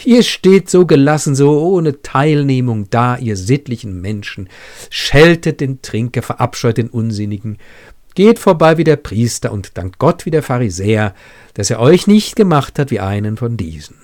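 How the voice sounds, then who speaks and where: A man's voice: mid-range voice, lively intonation, normal speed, a little mellow, close to an everyday voice. A man reading a passionate brooding young man. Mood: defiant. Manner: impassioned, rhetorical.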